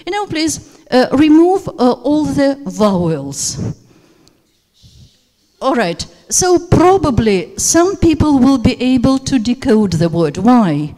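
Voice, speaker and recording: Her voice is high and dark, with a sing-song lilt and a slow delivery. She is a teacher trainer whose first language is Russian, leading a workshop lecture in a seminar room and hesitating often with many fillers. The handheld mic picks up noticeable hall reverb.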